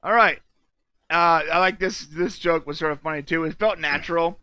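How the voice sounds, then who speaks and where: Bright, high-voiced man rambling excitedly. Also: smooth, no echo. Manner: animated and rambling, quick asides. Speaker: co-host of a TV recap show. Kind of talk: casual review chat.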